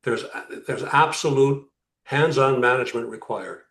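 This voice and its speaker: A man speaking as a rabbi teaching a class, pausing deliberately and posing rhetorical questions. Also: medium pitch, a bit bright. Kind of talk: interactive religious lecture. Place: room with a class. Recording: echoey room, distant microphone.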